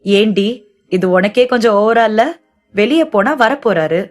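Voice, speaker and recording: A woman playing a loud, teasing best friend. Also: mid-range voice, unhurried, close to an everyday voice. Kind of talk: audiobook character dialogue.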